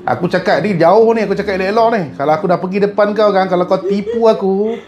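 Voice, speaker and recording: A man's voice: high-pitched, fairly even intonation, fast talker, a little mellow, muffled recording, soft background music. A middle-aged man with a Malaysian Malay accent, a traditional healer talking to a spirit during a healing session, scolding, coaxing and threatening in turn.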